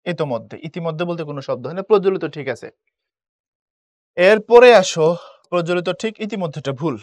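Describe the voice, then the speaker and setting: Teaching Bengali grammar to admission test students, this man speaks with a Bangladeshi accent in a slightly high, somewhat mellow voice on a dry recording. His explanations proceed step by step with English words mixed in, and he regularly asks "বুঝছো?".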